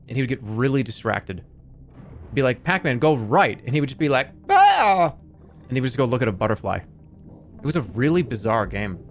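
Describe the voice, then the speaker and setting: A man in his thirties streams a game, chatting casually in a rambling, sarcastic way and swearing freely. His voice is medium-pitched.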